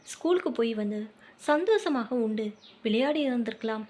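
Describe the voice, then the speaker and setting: A woman's voice: on the high side, animated, moderate pace, darkish tone. Tamil woman reading a short story. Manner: reads dialogue and narration in one voice.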